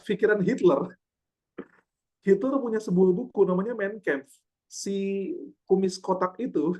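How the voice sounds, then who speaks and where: A man in his twenties, a guest speaker giving a lively, joking talk in casual colloquial speech. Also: on the high side. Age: 20s. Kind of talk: casual religious talk to an online audience.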